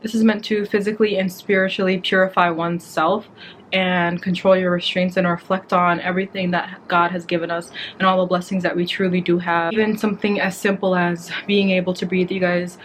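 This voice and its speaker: A young beauty and lifestyle vlogger whose first language is Somali talks casually and earnestly to the camera, often addressing her viewers as "you guys." Her voice is lowish and level, fairly quick, and the rough recording carries a little hiss or hum.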